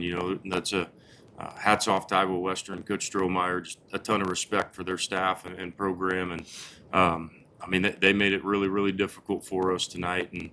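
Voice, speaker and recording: Low-voiced coach in a post-game interview. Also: male voice, bright, forceful tone, slight background noise. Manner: halting, earnest, repeats words as he gathers thoughts.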